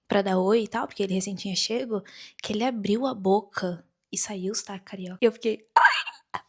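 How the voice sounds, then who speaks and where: A young woman from Brazil, chatting to camera in a giggly, expressive, storytelling way. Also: mid-range voice. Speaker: vlogger. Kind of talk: casual chat to camera. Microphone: camera mic at a distance.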